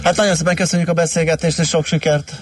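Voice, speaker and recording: A man's voice: fairly high pitch, flat delivery. A man hosting and interviewing on a conversational morning radio show.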